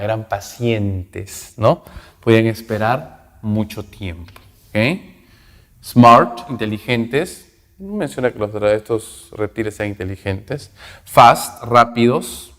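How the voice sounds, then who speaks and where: A man's voice: medium pitch, darkish tone, long reverb tail. A man teaching an English class in Spanish, reading English sentences aloud and checking in with his students constantly. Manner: explains in Spanish, reads English aloud, keeps asking "¿no?". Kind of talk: recorded class lesson.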